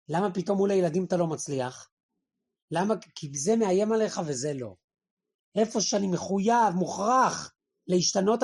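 A man leads a religious study lesson in a lively, conversational way. He keeps asking his listeners questions and answering them himself, and he slips into the voices of the people he quotes. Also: high-pitched. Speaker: religious teacher. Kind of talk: Torah lesson to a group.

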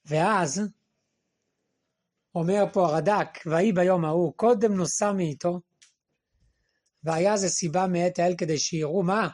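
This Torah teacher is a man who pauses often as he leads his class. He raises questions and supplies his own answers, and he recites verses and sayings of figures in a softer, lower voice.

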